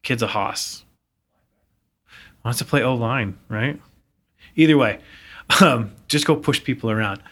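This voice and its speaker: A man's voice: mid-range voice, slow, long pauses, fairly bright tone. A man in his thirties co-hosting a podcast, telling a personal story earnestly in casual conversation. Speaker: podcast co-host. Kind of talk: casual chat.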